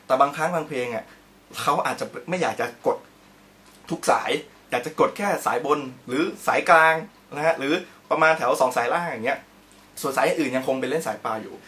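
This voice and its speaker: Filming himself on his own camera, a man of medium pitch with a fairly bright tone gives a casual guitar lesson, chatty and courteous as he explains and demonstrates every step. Guitar playing is heard in the background, along with a little hiss or hum.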